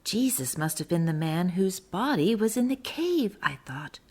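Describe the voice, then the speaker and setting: A friendly little garden mole tells a storybook tale in first person, as a woman reads it aloud. The voice swoops and lifts with lots of melody. The storytelling stays slow and unhurried, earnest and curious. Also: fairly low pitch, husky, exaggerated voice. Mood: earnest wonder. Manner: expressive, sing-song storytelling. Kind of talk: children's storybook reading.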